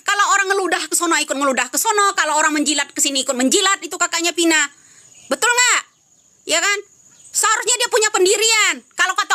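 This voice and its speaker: Scolding high-voiced woman on a live stream. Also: pushed and bright. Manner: scolding, repetitive, rhetorical questions. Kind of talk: angry live-stream commentary.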